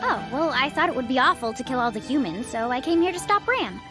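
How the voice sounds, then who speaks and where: High, flustered young android girl. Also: animated, fast. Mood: chatty, earnest. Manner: stammering, girlish, earnest. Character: flustered, chatty, earnest young android bride. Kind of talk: video game voice acting. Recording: music behind the voice.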